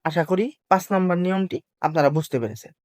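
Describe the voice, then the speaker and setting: A teacher gives a video lesson. They explain rules slowly and keep asking rhetorical questions before answering them. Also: medium pitch, animated, a little mellow. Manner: asks rhetorical questions and answers them, repeats key points; slow, careful drilling of pronunciation rules. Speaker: language teacher. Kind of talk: classroom-style video lesson.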